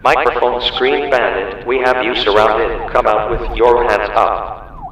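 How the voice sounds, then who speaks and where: A man's voice: mid-range voice, fairly even intonation, unhurried, a bit bright, slight background noise, pitched below the performer's own voice. Man putting on a stern cop barking orders through a megaphone, echoey and distant, sirens wailing. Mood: commanding. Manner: commanding, clipped orders. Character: stern male police officer on megaphone. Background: police sirens.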